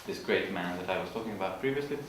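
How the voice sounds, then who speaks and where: A man giving an informal literature presentation, explaining in a halting way and searching for his words. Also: deep voice, expressive. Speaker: student presenter. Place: large room at an evening school event. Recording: echoey hall from far off, faint noise.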